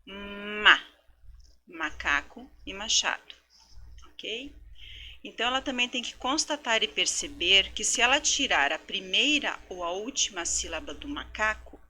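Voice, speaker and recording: A woman teacher giving a recorded lecture, explaining step by step and sounding out words slowly syllable by syllable, with frequent tag questions. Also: medium pitch, very animated, sharp tone. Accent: Brazilian Portuguese. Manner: explanatory, slow syllable-by-syllable demonstrations. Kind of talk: recorded lecture for education students.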